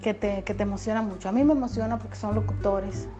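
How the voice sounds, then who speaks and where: A woman's voice: mid-range voice, steady tone, quick pace. Dominican woman podcaster over guitar music. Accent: Dominican Spanish, softened toward neutral. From Dominican Republic. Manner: encouraging, chatty, with frequent fillers. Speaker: podcast host and radio announcer. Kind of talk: casual motivational podcast talk.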